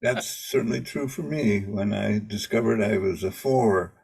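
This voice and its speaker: A man hosting a casual video interview, talking haltingly with many fillers and restarts. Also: fairly low pitch, gravelly, darkish tone, husky, poor audio. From Maine. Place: home in Maine.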